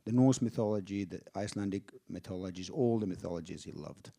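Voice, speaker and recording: A man's voice: deep voice, quick pace, creaky, warm tone. A man from Finland with a Finnish accent, a film director answering audience questions in a theater Q&A, hesitant and restarting as he thinks aloud. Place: theater stage before an audience.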